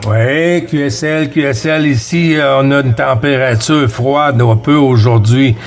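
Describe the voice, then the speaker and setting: A man from Quebec, Canada, with a Quebec French accent, chats casually on CB radio, hesitating and repeating radio codes. His voice is medium in pitch and a little slow.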